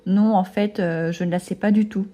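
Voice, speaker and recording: A woman's voice: mid-range voice, fairly even intonation, moderate pace, warm tone, highs cut off, natural voice. A woman voicing a struggling schoolboy who hesitates and stammers. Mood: hesitant. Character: struggling schoolboy turned teacher's pet.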